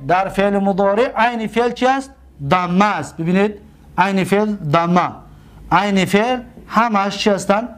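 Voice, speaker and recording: A male teacher with a Tajik accent gives a grammar lesson, repeating words slowly and asking questions that he answers himself. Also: high-pitched.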